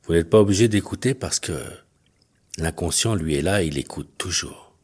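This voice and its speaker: A male hypnotherapist leading a guided hypnosis session in a slow, detached, hypnotic delivery, with soft music behind him. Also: low-pitched, slightly rough. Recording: faint background music.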